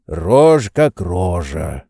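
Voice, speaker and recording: A man's voice: low voice, big pitch swings, takes it slowly, creaky, dark tone, breathy edge, dry recording, studio quality, pitched below the performer's own voice, full character voice. A man voicing a grumbling old manservant. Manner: grumbling, indifferent.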